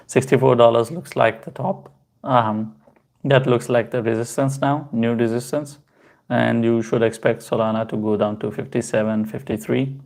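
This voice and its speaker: A man hosting a casual crypto livestream, answering viewer comments in a halting way with many fillers and chatty asides. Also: mid-range voice, vocal fry, a little mellow. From Pakistan. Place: home, in Canada.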